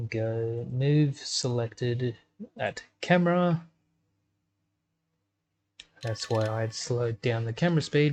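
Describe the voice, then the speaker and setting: Guy slowly talking thru editing a game map, lots of ums, got the hiccups, mouse clicks in the back. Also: mid-range voice, a little mellow. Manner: chatty, thinking aloud with frequent ums. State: has the hiccups. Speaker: gaming YouTuber.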